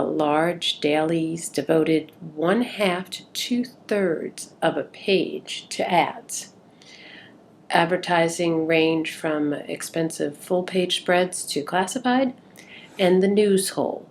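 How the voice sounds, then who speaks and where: A woman's voice: low-pitched, slight background noise. A woman instructor giving a recorded lecture, speaking informally with frequent "uh"s. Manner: informal, with filler "uh"s.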